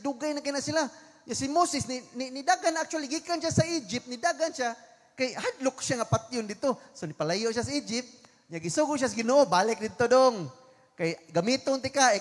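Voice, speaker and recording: A man with a Cebuano accent preaching a sermon, slowing down to read scripture lines with emphasis. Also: high-pitched, long reverb tail. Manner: mixes English scripture quotes into Cebuano, slow emphatic reading.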